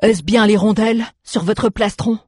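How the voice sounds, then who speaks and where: A storyteller voicing an anxious, excitable adult townsman who exclaims in alarm. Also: medium pitch, moderate pace, slightly rough, dry recording, studio quality, voice pushed up, natural voice. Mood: agitated. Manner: agitated, exclaiming.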